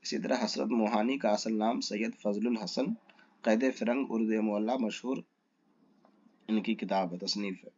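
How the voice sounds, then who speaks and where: A man's voice: fairly low pitch, steady tone, darkish tone, lo-fi sound. A man teaching a lesson. He reads exam questions and their options aloud, asks for the right answer and then gives it.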